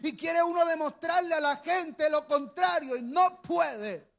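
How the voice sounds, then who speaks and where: A man preaching a sermon as pastor, calling on the congregation to repeat after him and breaking into shouted bursts. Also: very high voice, unhurried, creaky. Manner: preaching with sudden shouted bursts and call-and-response.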